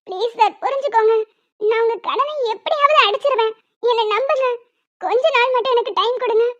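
A woman voicing Diya, a very high-voiced young heroine. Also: fairly quick, fairly bright tone. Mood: pleading. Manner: pleading, earnest. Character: young woman dance teacher, pleading but defiant. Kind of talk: cartoon voice dubbing. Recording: dull lo-fi.

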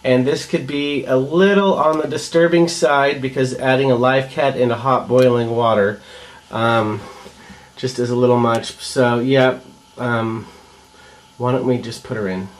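Rambling young woman, deadpan comic host. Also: very deep voice, unhurried. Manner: rambling, filler-heavy, deadpan joking. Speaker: co-host of home comedy video. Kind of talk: joking improvised cooking show.

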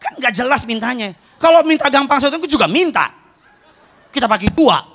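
A man's voice: very high-pitched, expressive, brisk, fairly bright tone. A middle-aged male pastor preaching a humorous sermon in a church, joking and acting out the voices of his congregants. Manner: jokey, acts out congregants' voices.

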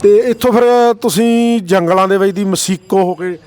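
A man interviewing on the street, asking gentle probing questions and answering with short agreements. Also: sits high, moderate pace. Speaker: reporter interviewing.

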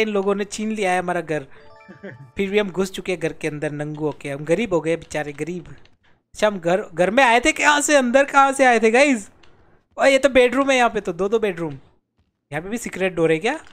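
A young man with a strikingly high voice streams a game and chats live to his viewers. He jokes around, exclaims, and pleads in playful mock despair. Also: normal speed, a bit bright. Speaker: gaming streamer.

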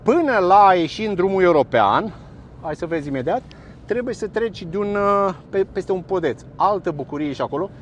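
A local vlogger stands outdoors beside a busy road, delivering chatty, sarcastic commentary straight to his viewers. His voice is high-pitched with lively intonation, and passing traffic and trucks create faint outdoor noise behind him.

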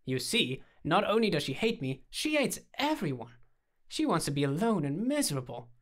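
A man's voice: fairly high pitch, big pitch swings, normal speed, voice pushed up. A man doing a teasing, theatrical young man.

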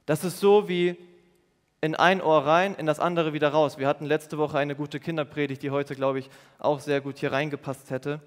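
A man preaches to a youth congregation in a church hall. His voice sits a little high, earnest and patient as he explains and repeats his points. A long reverb trails after each phrase. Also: steady tone, normal speed. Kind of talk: sermon.

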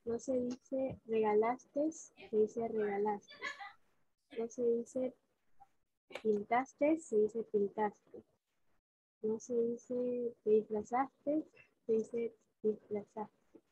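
A teenage girl, a student reading her answers in an online class in measured order. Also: a little high, level tone, warm tone, slightly rough, no echo. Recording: dull, dry, muffled call audio.

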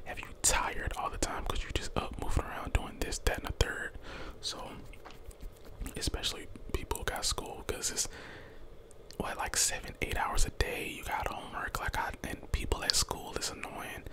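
An American man in his twenties giving a casual, slangy, encouraging pep talk in an ASMR whisper close to the microphone. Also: moderate pace. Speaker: ASMR content creator. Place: small bedroom, indoors. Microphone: close handheld desk condenser microphone.

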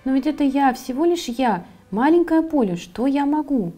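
A woman's voice: sits high, lively intonation, moderate pace, warm tone, soft background music, pitched above the performer's own voice. A woman voicing a small, timid female forest creature who is gloomy and doubts herself, in a plaintive, worried way, reading a storybook aloud.

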